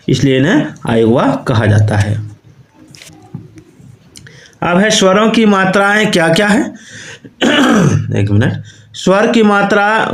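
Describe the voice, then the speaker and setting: Male Hindi grammar teacher, high-pitched and unhurried, in an echoey room. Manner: slow, explains step by step and often repeats the question; says "okay" and "you can see" often. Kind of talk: recorded online lesson.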